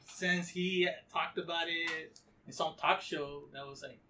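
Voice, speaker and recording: A man co-hosting a casual podcast, relaxed, telling stories that trail off softly. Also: on the high side, measured pace. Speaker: podcast co-host. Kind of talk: casual chat. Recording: distant mic with faint noise and room ambience.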